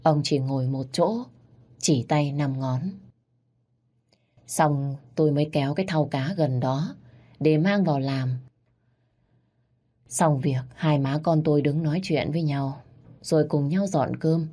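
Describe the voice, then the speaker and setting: A woman reading a first-person story aloud in a steady, plain storytelling manner. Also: low voice, unhurried, pauses often. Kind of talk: first-person audiobook narration.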